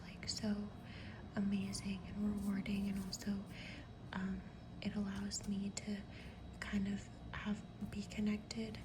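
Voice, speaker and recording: Slow, whispering woman doing ASMR chit-chat. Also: medium pitch. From Mohawk First Nation reserve in North America. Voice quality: soft, breathy whisper. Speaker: ASMR creator. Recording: clear background noise, pencil drawing sounds. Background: writing or drawing sounds, ambient noise.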